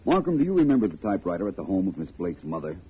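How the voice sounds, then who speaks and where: A deep-voiced American man plays a confident, wry private detective in an urbane, precise 1940s radio style. He sounds assured and very animated, racing through his lines on a tinny, faintly noisy old radio recording.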